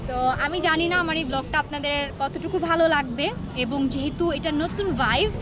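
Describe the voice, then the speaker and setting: A woman's voice: sits high, fairly quick, noisy background. A young woman from Bangladesh, a travel vlogger talking chattily and upbeat to her viewers from a kayak on a lake, filmed with a camera at arm's length. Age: young adult. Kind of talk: casual travel vlog to camera. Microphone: camera held at arm's length.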